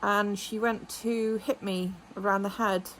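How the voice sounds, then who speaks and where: A woman's voice: mid-range voice, steady tone, a little slow, a bit bright, slight background noise, rough recording. A middle-aged woman from England telling a story in a rambling, indignant way to her vlog audience. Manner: rambling, indignant, with many asides and quoted dialogue. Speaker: vlogger. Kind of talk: casual storytelling monologue.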